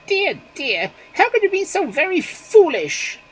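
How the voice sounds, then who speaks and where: A man voicing a blunt crow in a storybook reading, with a sharp, scolding tone. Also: very high-pitched, huge pitch swings, a little slow, slight background noise, voice pushed up, heavily acted, low-quality recording.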